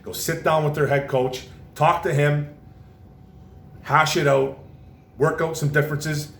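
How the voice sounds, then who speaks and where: A man's voice: little pitch movement, unhurried. Passionate man ranting in an echoey room. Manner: passionate, repetitive, says "man" often. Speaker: vlogger. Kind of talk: casual sports rant. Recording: roomy echo, faint low rumble.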